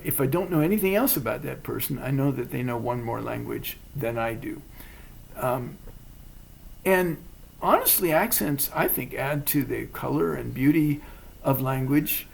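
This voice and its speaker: A man's voice: mid-range voice, vocal fry, breathy edge, low-quality recording. A man, chatting thoughtfully and poking fun at himself. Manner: thoughtful, measured, self-deprecating. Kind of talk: casual chat.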